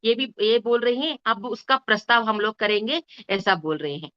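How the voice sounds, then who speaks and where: A woman teaching a spiritual text in a slow, explanatory way, often hesitating and correcting herself. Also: on the high side, clear, resonant tone, dull audio.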